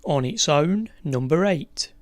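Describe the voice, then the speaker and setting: A bingo caller announcing numbers in measured, formulaic set phrases. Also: mid-range voice, expressive, dry recording, studio quality.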